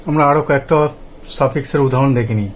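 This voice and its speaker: A man's voice: mid-range voice, a little hiss or hum, poor audio. Patient male pronunciation teacher. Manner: slow, patient, repeats words for drill. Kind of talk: Bengali-language lesson, spoken explanation.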